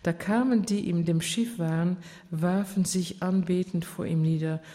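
A man preaching a sermon, retelling the story earnestly with dramatic pauses. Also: sits high, fairly even intonation, dark tone. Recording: long church reverb.

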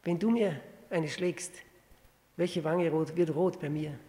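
A man's voice: on the high side, slow, warm tone. A man preaching a conversational sermon that works through a Bible passage. He restarts often and asks his listeners rhetorical questions. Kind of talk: sermon, verse-by-verse Bible exposition. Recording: long hall reverb.

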